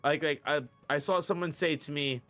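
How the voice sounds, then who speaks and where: A young man with a bright, sharp-edged voice talks through a casual anime discussion. He rambles, piling up fillers and restarting his sentences. Faint music sits under the talk. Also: on the high side, fairly even intonation, moderate pace. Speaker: channel host.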